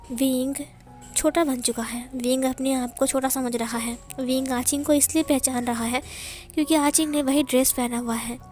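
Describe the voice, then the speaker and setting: A woman narrating a fan fiction story aloud in a plain, steady way. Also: high-pitched.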